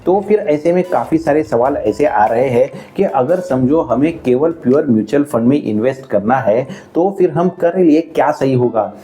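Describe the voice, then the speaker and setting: A man's voice: medium pitch, animated, moderate pace, hardly any pauses, dark tone. A man explaining investing options in a conversational, step-by-step way. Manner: conversational, walks through examples step by step. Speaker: finance educator. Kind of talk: explainer video.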